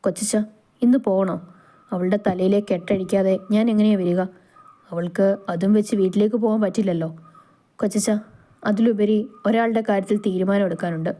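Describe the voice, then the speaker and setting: A woman's voice: mid-range voice, fairly even intonation, a little fast, dark tone, close to an everyday voice. A woman reading the lines of a protective, tender young groom in a storybook romance. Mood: earnest.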